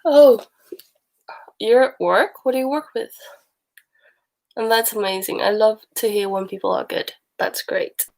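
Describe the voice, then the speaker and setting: The audio is poor as a young Swedish livestream host, sick, chats casually, rambling and laughing often. Her fairly high, darkish, creaky voice has fairly even intonation, a measured pace and long pauses, and her accent mixes Swedish with Texan, Australian and British touches.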